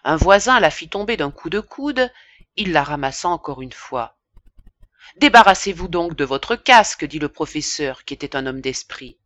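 A woman narrating a classic novel as an audiobook, in a measured, expressive reading. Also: deep voice, dry recording. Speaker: audiobook reader.

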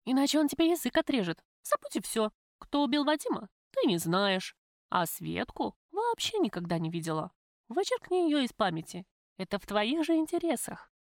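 Brief: woman reading as brassy streetwise friend, raised and loud, dry close audiobook read. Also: fairly high pitch, sing-song, brisk, no echo. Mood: urgent scolding. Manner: blunt, scolding, rough slang.

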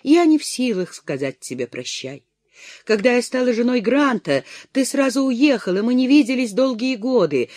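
A passionate, jealous young woman pleads with her lover in an audiobook, voiced by its reader. Her lines rise and fall in a lively way, emotional and close to tears. The recording is dry, with no room echo. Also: on the high side, moderate pace, voice pushed up. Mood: pleading. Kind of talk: audiobook character voice.

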